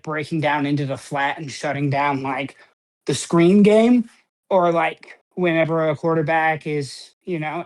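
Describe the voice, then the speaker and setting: A man co-hosting a podcast, talking sports in a rambling, casual way, full of "um" and "like" and casual swearing. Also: on the high side. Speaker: podcast co-host.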